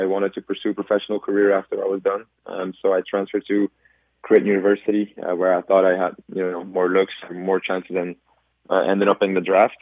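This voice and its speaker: This is a Belgian soccer player in his twenties, a radio interview guest calling in by phone. He answers thoughtfully yet with frequent ums and restarts, in a voice that sits low. The recording is dry and the line tinny.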